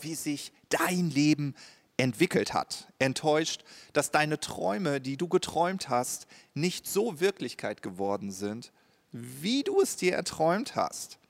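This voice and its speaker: A man's voice: on the high side, very animated, gravelly. A man preaching a sermon in an earnest, conversational way, often checking in with his listeners with a questioning "ja?". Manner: slow, earnest, with frequent rhetorical "ja?".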